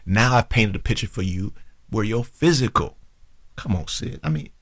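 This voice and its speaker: A man hosting a talk show, giving relationship advice to women in an animated, informal way and acting out both sides of an argument. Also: fairly low pitch, normal speed, dry recording. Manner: informal, conversational, addresses the audience directly.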